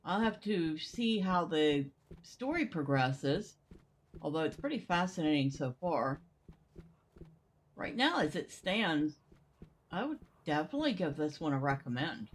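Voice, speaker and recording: Slow, low-voiced woman streamer chatting. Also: sing-song, slightly rough. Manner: chatty, answers chat between exclamations. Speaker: game streamer. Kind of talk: casual live-stream commentary.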